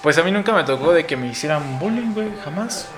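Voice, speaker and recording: A man's voice: a little high, animated, quick pace, music in the background. A man with a Mexican accent, hosting a podcast in casual, crude, teasing banter full of swearing. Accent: Mexican Spanish. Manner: joking, teasing, swears a lot. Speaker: podcast host.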